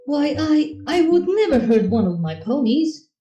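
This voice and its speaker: Princess Celestia, a woman as a mellow, regal pony. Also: high voice, sing-song, unhurried, roomy sound, far from the mic. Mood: offended. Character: regal thousand-year-old pony princess, composed and proud. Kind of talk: fan fiction character reading. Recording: dull, muffled sound under music.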